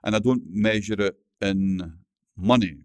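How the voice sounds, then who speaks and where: A man's voice: on the low side, unhurried, darkish tone, dry recording. Older Glaswegian man, mumbling storyteller. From Scotland. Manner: mumbling, swears freely, tells anecdotes. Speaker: guest. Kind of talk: casual interview chat.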